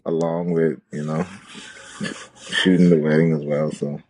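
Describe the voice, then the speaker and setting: A man from the Bahamas, a wedding photographer chatting casually as a podcast guest, relaxed and full of "you know". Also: a bass voice, unhurried. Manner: laid-back, lots of "you know" and "like". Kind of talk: casual interview chat.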